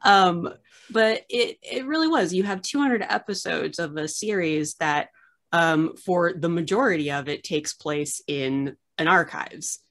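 A chatty woman host with a low, slightly bright voice speaks a little slowly in a casual video-call interview, using many filler "uh"s and self-deprecating jokes. She's in a room at home with framed art on the wall.

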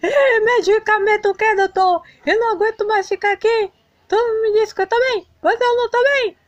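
A woman's voice: high voice, moderate pace, no room sound, dull audio, natural voice. A woman voicing an ill young man in a doll soap-opera parody, bitter and short-tempered, snapping orders. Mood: furious.

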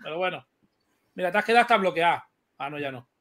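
Fast, bright-voiced man. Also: sits high. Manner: animated, swearing, talks over others. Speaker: livestream guest. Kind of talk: heated casual livestream chat.

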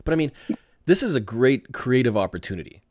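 A man hosting a hobby podcast, chatting in a relaxed, rambling way with filler words and small chuckles. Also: medium pitch, a little fast, no echo, studio quality. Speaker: podcast host. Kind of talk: casual podcast chat.

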